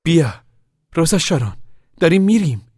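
A man voicing a patient, caring middle-aged mother who coaxes softly, in a storybook reading. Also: on the low side, expressive, breathy edge. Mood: coaxing. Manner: soft, coaxing speech.

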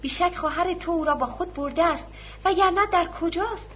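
Woman doing a defensive husband, short and dismissive, highish voice, dull recording. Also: a bit bright, slight background noise. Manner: curt, muttered.

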